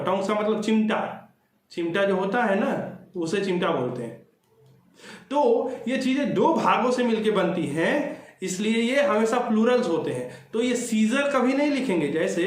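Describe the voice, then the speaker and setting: High-pitched male teacher in an echoey room. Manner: conversational, repeats key words, asks and answers his own questions. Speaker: English grammar teacher. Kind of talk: bilingual exam-prep lecture.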